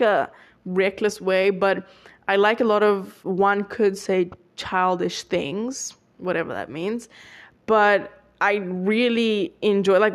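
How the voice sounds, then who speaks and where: A young woman of nineteen hosting a solo podcast, chatting casually with many fillers and self-corrections. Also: mid-range voice. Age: young adult. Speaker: podcast host.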